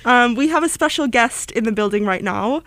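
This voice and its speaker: A woman's voice: fairly high pitch, animated, fairly quick, a bit bright, no room sound. Bubbly young woman college radio host. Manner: playful, filler-heavy, bubbly. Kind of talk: casual radio chat.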